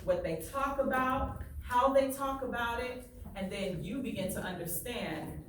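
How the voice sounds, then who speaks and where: A woman teacher reads a book aloud, pausing to explain passages in plain terms and to check that listeners are following. Her voice is fairly high and a bit bright, at a measured pace. The recording sounds distant, in a very echoey room with faint noise.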